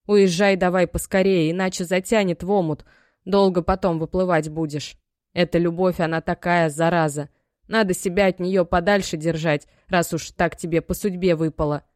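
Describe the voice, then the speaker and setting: A woman's voice: on the low side, fairly even intonation, moderate pace, darkish tone, no echo, studio quality, natural voice. A woman voicing an aging, worried mother who scolds and pleads in homely, folksy speech. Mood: pleading. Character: aging worried mother, stern yet loving.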